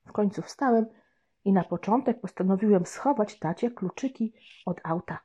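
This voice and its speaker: A woman reading a children's storybook aloud with gentle, expressive narration. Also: medium pitch, normal speed, husky. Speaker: audiobook narrator. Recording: dull lo-fi recording.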